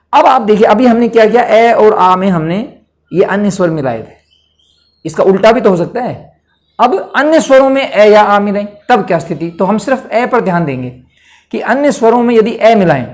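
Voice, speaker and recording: A man's voice: high-pitched, a little mellow. A man teaching a grammar lesson for exam preparation, patiently explaining step by step and asking the listener questions as he goes.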